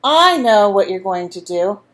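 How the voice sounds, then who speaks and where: A woman voicing a young boy with a painful loose tooth, yelling and pleading. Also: mid-range voice, very animated, unhurried. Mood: knowing. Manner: yelling, whining pleas.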